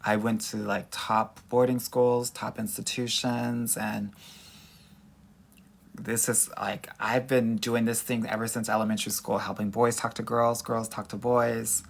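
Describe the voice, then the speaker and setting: A man's voice: medium pitch, flat delivery, normal speed, gravelly, hardly any pauses. A man with a Southern California Valley Girl accent, giving casual dating advice on a livestream in a sassy, girlfriend-to-girlfriend manner. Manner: sassy girlfriend-to-girlfriend talk, peppered with "girl" and "honey". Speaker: dating coach and livestream host.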